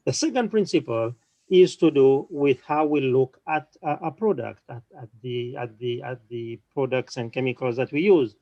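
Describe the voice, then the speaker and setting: Guy talking at a conference panel, measured explainer, lots of restarts, dry close sound. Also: medium pitch, no echo, highs cut off. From small island nation. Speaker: panel speaker.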